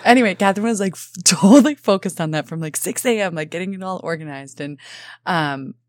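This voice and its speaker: A woman's voice: lowish voice, brisk, no echo, studio quality. A woman co-hosting a podcast, chatting and telling stories informally, straight to the listeners. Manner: informal, addresses listeners as "you guys". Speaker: podcast co-host. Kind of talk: casual chat, storytelling to listeners.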